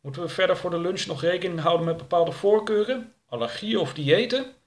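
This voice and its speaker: A man's voice: high-pitched, fairly quick, echoey room, pitched above the performer's own voice, close to an everyday voice. Man playing a courteous, formal organizer in a storybook. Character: polite, formal male hotel organizer in a suit.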